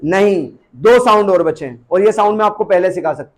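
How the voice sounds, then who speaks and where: A man's voice: high voice, fairly quick. A man teaching English pronunciation in a classroom, speaking with an Indian English accent and repeating each sound many times for his students.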